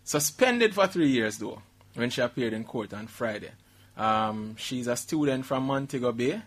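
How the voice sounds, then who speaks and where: A man's voice: medium pitch, expressive, moderate pace. A middle-aged Jamaican man hosting a talk show, reading news items and riffing on them with Patois asides. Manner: reads headlines then riffs with laughter, Jamaican Patois asides. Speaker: radio show host reading news stories. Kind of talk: casual comedic news banter.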